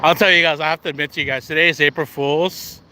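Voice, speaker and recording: A man's voice: a little high, fairly even intonation, fast, pushed and bright, low-quality recording. A man livestreaming as he walks along a city street, joking and swearing as he talks straight to his chat. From United States. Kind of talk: casual walk-and-talk livestream. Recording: street traffic noise. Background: traffic and street noise.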